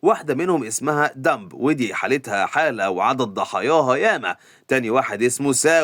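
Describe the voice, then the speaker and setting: A man's voice: medium pitch, a bit bright, dry recording, clean studio sound. A man with an Egyptian Arabic accent narrating an anime recap casually, with joking asides to the viewers.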